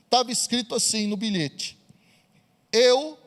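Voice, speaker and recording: High-voiced preacher in a hall. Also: male voice, expressive, unhurried, sharp tone. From Brazil. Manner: storytelling, asks the audience questions. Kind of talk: sermon.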